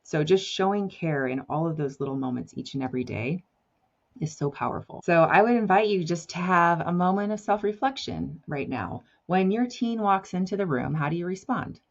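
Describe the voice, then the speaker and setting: A woman's voice: fairly low pitch, animated, moderate pace, creaky, highs cut off. A woman who coaches teens and parents, speaking to parents in an earnest, encouraging way and often checking in with "right?" and "you know".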